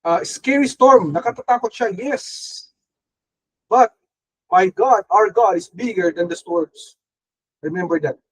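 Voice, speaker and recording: High-pitched Filipino preacher, lively delivery. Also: male voice, low-quality recording. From Philippines. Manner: switches between Tagalog and English, acts out quoted voices. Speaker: pastor. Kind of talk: sermon.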